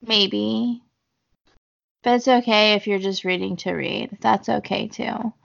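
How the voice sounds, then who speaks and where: Gravelly-voiced woman, laid-back chat. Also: medium pitch, steady tone, slow. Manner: laid-back, explains and reassures, gravelly edges. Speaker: podcast co-host. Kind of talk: casual book-club chat. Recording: dull lo-fi podcast audio.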